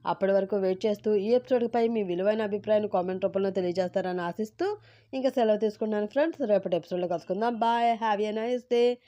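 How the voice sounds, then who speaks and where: A woman narrating a serialized story with a mellow, warm tone. Her delivery is expressive and steady, a storyteller's scripted narration. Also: medium pitch, racing, highs cut off.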